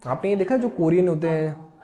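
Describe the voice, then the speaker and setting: A man teaching exam students in a lively motivational talk, asking rhetorical questions and acting out students' excuses. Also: a little high, brisk. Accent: Hindi-speaking North Indian.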